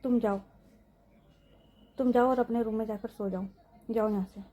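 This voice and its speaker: A woman voicing a bossy young woman who scolds and gives orders, speaking louder than her narration. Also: fairly high pitch, fairly even intonation, moderate pace, natural voice. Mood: ordering away. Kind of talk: storytelling role-play.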